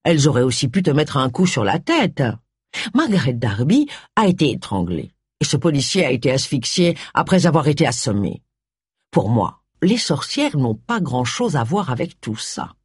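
A woman's voice: sits low, very animated, normal speed, darkish tone, slightly rough, no echo, studio quality, pitched below the performer's own voice, full character voice. A woman doing a stubborn woman detective. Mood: firm.

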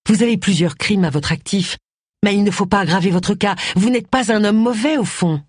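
A woman's voice: medium pitch, normal speed, husky, no room sound, voice pushed up, close to an everyday voice. Reader doing a blunt middle-aged lady detective, storybook style, accusing, dry close sound. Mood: pleading. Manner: accusing, forceful.

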